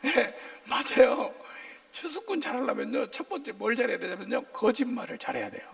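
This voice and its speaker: A male pastor preaching a sermon in a lively, joking way, firing questions at his congregation for call-and-response. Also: very high voice, moderate pace, gravelly, far from the mic. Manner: jokey, playful asides.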